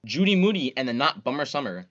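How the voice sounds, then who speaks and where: A young man co-hosting a casual chat, animated as he reads out movie titles. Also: mid-range voice, fast, muffled recording. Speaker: podcast co-host.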